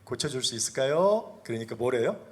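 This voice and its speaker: Animated male pastor preaching a sermon. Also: brisk. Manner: dramatic, swinging between loud, rising exhortation and low, quiet asides; asks the congregation questions and acts out Bible voices. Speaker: senior pastor. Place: church sanctuary.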